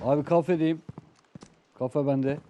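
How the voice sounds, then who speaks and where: A young man commentating a team shooter game live, excitedly urging and ordering his teammates. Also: a little high, a little slow, noisy background. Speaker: gaming YouTuber. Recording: gunfire from the game behind the voice.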